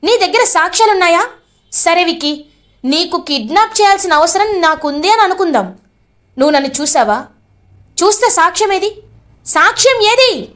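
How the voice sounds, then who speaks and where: A woman's voice: extremely high pitch, lively intonation, moderate pace, long pauses, a bit bright. A woman voicing a scheming man who sneakily defends himself and demands proof. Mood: defiant. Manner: defensive, sly. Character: scheming man, smooth-talking villain.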